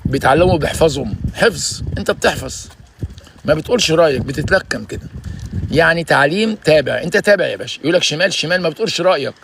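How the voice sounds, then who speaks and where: A man in his sixties with an Egyptian Arabic accent gives emphatic, preachy motivational advice in a casual vlog, often saying "ya basha." His voice sits on the high side, expressive and racing with vocal fry, over background noise.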